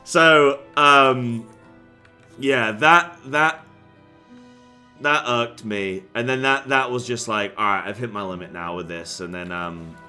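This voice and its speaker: This young game streamer talks slowly in a mid-range voice with fairly even intonation, yet it sounds pushed and bright. He rambles through casual chat with viewers, full of fillers, and works himself up during rants. Faint music runs underneath.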